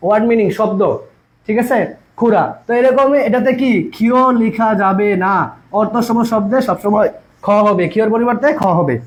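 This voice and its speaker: A man teaches an online exam-prep class. His voice sits very high for a man. He repeats each point and keeps throwing rhetorical questions at his students. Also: low-quality recording.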